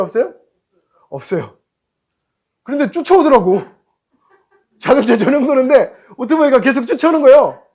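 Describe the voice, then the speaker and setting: Pastor guy with a high voice, telling a story in his sermon, gets animated acting out both sides.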